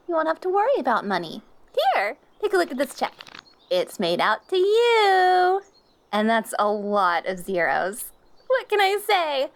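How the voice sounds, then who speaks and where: A jealous catgirl, with a very high, animated voice. She is possessive and smug, switching between syrupy sweet talk to her darling and catty bickering in an anime-style audio role-play. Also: exaggerated voice.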